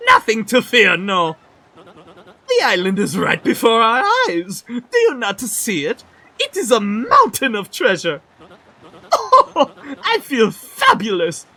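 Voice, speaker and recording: A man's voice: sits high, wildly swooping pitch, slow, sharp tone, voice pushed up, exaggerated voice. A man voicing a pompous, boastful male adventurer who talks in a grandiose, theatrical way.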